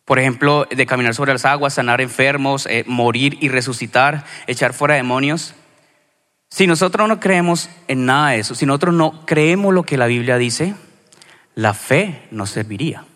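A Colombian man from Cali preaches at a mid pitch, a pastor who tells his sermon like a story and breaks into lively asides. His voice rings out with a long reverb from the church hall around him. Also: normal speed. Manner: conversational, storytelling, animated asides.

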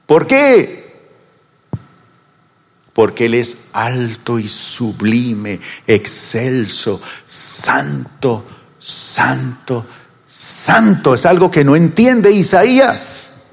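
Animated pastor preaching in a reverberant church. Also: male voice, medium pitch. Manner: asks the congregation questions and answers them; swings between slow drawn-out words and fast asides. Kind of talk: sermon.

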